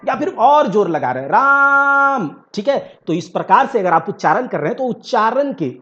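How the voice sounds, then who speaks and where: A man teaching an exam-prep grammar lesson, repeating key points and asking the class rhetorical questions. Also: high-pitched. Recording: dull lo-fi recording.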